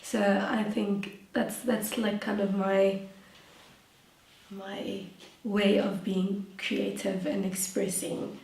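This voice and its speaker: A young woman with a South African accent, answering interview questions in a soft, hesitant, giggly way with many ums. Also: medium pitch, little pitch movement, slow pace, vocal fry. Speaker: interviewee, nail tech. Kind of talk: casual interview. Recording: echoey room, voice from a distance.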